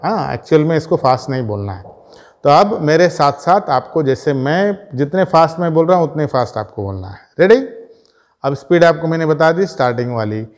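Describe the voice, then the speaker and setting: A man's voice: fairly high pitch, animated, a little fast. A man teaching a school prayer song to young children, patiently checking in with them again and again. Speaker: music teacher. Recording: loud backing music.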